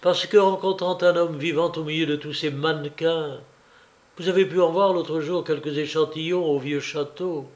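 A man's voice: on the high side, fairly even intonation, moderate pace, lightly acted. A male reader voicing an agitated young society woman who pleads and reproaches urgently, in a spoken novel reading. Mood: pleading.

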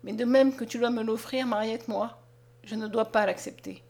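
A woman reads a gentle blind young man from a storybook, low-spoken and tender. The voice sits fairly high, yet stays hushed and mournful throughout. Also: fairly even intonation, normal speed. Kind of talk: audiobook character reading.

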